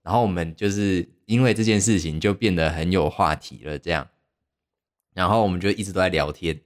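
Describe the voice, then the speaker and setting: A young podcast host with a deep voice tells a story at a brisk clip. He rambles casually, pokes fun at himself, and leans heavily on fillers.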